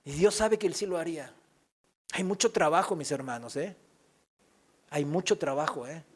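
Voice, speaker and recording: Man, pastor, high voice, animated sermon, comic asides. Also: moderate pace, husky. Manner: animated preaching, acts out whiny voices for comic effect. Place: church.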